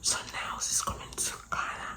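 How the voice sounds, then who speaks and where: A woman whispering gossipy ASMR stories in an informal, animated way, breathy and almost without voice, often repeating words and phrases. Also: moderate pace. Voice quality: breathy, mostly unvoiced whisper. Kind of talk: whispered ASMR storytelling, gossipy retelling of a show.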